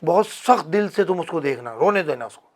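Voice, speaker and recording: A high-voiced man rants his opinions in a casual comedic chat. He keeps acting out the people he quotes as he goes. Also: expressive, fairly quick. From Pakistan. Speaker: podcast host.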